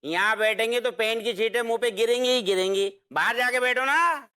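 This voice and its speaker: A cheeky bright-voiced painter. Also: male voice, very high voice, fairly quick, clean tone. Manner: cheeky, teasing. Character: cheeky young house painter.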